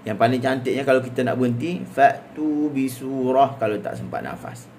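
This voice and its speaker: A man's voice: mid-range voice, quick pace, darkish tone, a little hiss or hum. A man with a Malaysian Malay accent teaching Quran recitation in a live lesson. He breaks words into repeated syllables and then chants the verses melodically.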